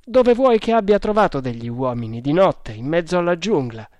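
A man's voice: a little high, very animated, moderate pace, darkish tone, no echo, pitched above the performer's own voice. A narrator voicing a brave, wary young male hunter who answers in terse, guarded lines in a storybook reading. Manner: terse, restrained.

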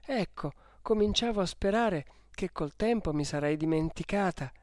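A man reading an audiobook who voices a gentle, devout young woman, pleading in distress. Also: high voice, lively intonation, normal speed, no room sound, clean studio sound. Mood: anguished pleading. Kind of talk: audiobook character voice.

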